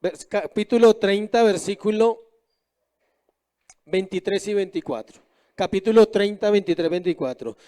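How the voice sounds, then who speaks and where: High-voiced man preaching a sermon. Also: unhurried, long pauses, dark tone. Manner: preaching with rhetorical questions to the congregation. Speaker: pastor.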